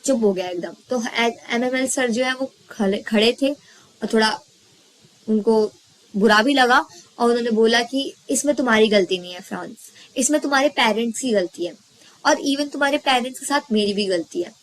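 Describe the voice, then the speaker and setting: A woman teacher with a fairly high voice talks through a story in a relaxed lesson. She is chatty and keeps asking her listeners questions, then answers them herself. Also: normal speed, rough recording. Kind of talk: casual lesson retelling a story.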